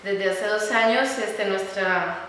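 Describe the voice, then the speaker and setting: A middle-aged woman with a Costa Rican Spanish accent talks about her work in an earnest, halting way, full of fillers and repeated phrases. Her voice sits at a medium pitch. She sounds far from the mic, with strong room echo and a long reverb tail. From Costa Rica. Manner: earnest, warm about children, many fillers and repeated words. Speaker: architect and educator, interview guest. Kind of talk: conversational interview. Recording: echoey room, recorded from some distance.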